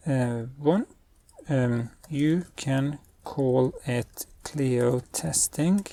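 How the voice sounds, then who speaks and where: Slow and gravelly, this man speaks with a medium-pitched, mellow voice; his first language is Norwegian. As a web developer hosting his own channel, he thinks aloud and gives spoken commands throughout a screen-recorded coding tutorial.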